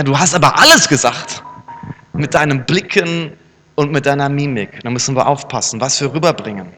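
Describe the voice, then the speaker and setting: A man's voice: fairly high pitch, pushed and bright. A man preaching a sermon, acting out everyday scenes between the Bible verses. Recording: reverberant hall with background music.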